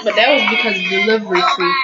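A woman's voice: mid-range voice, quick pace. A woman chatting casually with friends at home, explaining things in a matter-of-fact way. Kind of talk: casual chat. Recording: lo-fi home recording with loud music.

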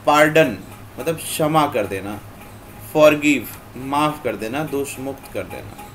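A man teaching English vocabulary in an online class, explaining slowly and repeating "theek hai" after nearly every phrase. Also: medium pitch, lively intonation, fairly bright tone. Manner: slow, repetitive explaining, mixing Hindi and English. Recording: faint background noise.

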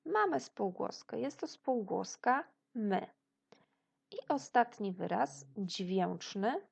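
Polish woman teacher, slow and gravelly, patient lesson for small children. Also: mid-range voice, very animated, darkish tone. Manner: praises pupils' imagined answers. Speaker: primary school teacher. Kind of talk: recorded video lesson for children.

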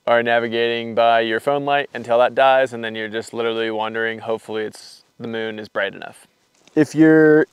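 Loose and rambling, a young man explains his hiking gear on camera in a relaxed, filler-heavy way, as a hiking vlogger would. His medium-pitched voice has a clean tone with no echo, picked up by a camera mic.

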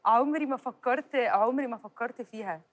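A woman's voice: a little high, fairly quick. A woman with an Egyptian Arabic accent, a voice actress chatting as a talk-show guest. She laughs easily and slips into English words. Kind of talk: casual chat. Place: TV studio.

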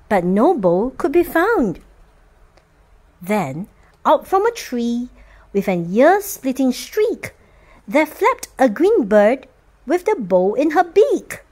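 A woman reading a rhyming children's picture book aloud as storyteller, expressive and sing-song. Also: fairly high pitch.

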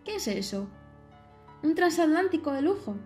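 A woman's voice: on the high side, moderate pace, dark tone, faint music behind, close to an everyday voice. A woman voicing a pair of mocking, gossipy sea waves in an audiobook, squealing and melodramatic. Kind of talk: audiobook character voice.

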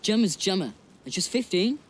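High-voiced, doubting Geordie lad. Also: male voice, very animated, moderate pace, a little hiss or hum. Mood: doubting, dismayed. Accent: Geordie, North East England. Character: doubting, blunt young working-class mate. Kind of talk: naturalistic film drama.

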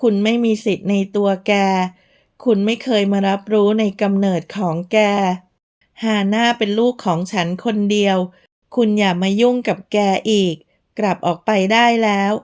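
A woman playing a proud, protective young mother who speaks in a sharp, clipped, defiant way. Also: mid-range voice, moderate pace, natural voice. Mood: angry.

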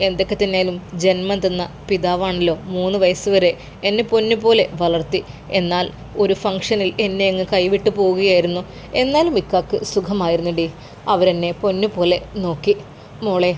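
A woman voicing a loving grown brother who gently soothes his sister in a spoken story. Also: lowish voice, slight background noise, close to an everyday voice. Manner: tender, soothing, reassuring.

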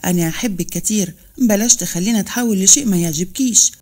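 A woman's voice: medium pitch, quick pace, darkish tone, natural voice. A woman voicing a stern, commanding middle-aged father with an Upper Egyptian accent. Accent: Upper Egyptian Arabic. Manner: commanding, scolding.

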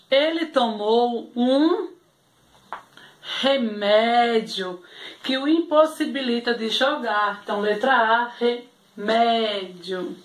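A woman's voice: a little high, fairly bright tone. A woman teacher with a Brazilian Portuguese accent giving a televised class to young pupils, patient and repetitive, often checking in with the class. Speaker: primary school teacher.

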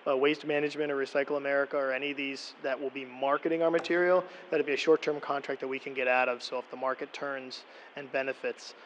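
A middle-aged man speaks at a podium microphone in a council meeting room, walking the council through figures in a plain explanatory way. His delivery is fairly flat in pitch, with frequent ums and restarts. Faint room ambience sits behind him. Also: fast talker, slight background noise, low-quality recording. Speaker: borough official presenting to council. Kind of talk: public meeting presentation.

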